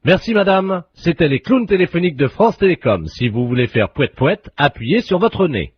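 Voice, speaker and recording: A man's voice: fairly high pitch, big pitch swings, normal speed, highs cut off, a little hiss or hum. A man playing a phone company's automated operator, reading absurd menu options in a stiff recorded-menu delivery. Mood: deadpan.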